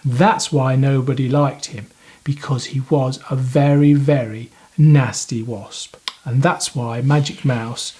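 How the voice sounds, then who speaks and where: Slow, gentle man reading to children. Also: mid-range voice, steady tone. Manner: addresses children directly, unhurried. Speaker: storyteller.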